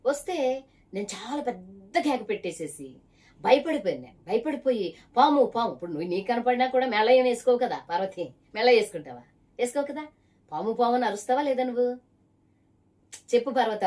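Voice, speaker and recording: A woman's voice: a little high, expressive, fairly quick, long pauses, a little mellow, recorded from a distance. Emphatic woman preaching. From Visakhapatnam area, Andhra Pradesh. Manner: emphatic, pointed rhetorical questions to one listener. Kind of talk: preaching testimony.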